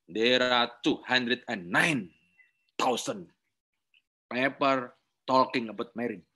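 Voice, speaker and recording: Speaking at a medium pitch with a sing-song, creaky, bright tone, this Indonesian-accented man is a university lecturer giving a screen-share webinar tutorial. His simple non-native English comes slowly and repetitively, dotted with frequent "okay"s.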